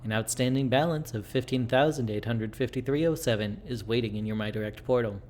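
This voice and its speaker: Automated billing system for a game, impersonal, formal, mid-pitched, male reader, slightly noisy. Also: brisk, darkish tone, natural voice.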